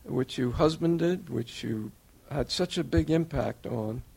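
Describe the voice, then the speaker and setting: An older man giving an earnest, measured tribute as interviewer, laying out his points one by one. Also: medium pitch, creaky, a little mellow, breathy edge. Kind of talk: formal tribute speech.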